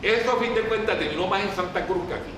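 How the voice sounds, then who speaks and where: A man's voice: sits high, quick pace. A man with a Puerto Rican Caribbean Spanish accent gives an informal, didactic history talk to a group in colloquial language, often putting questions to them. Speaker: lecturer. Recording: very echoey room, distant mic, clear noise.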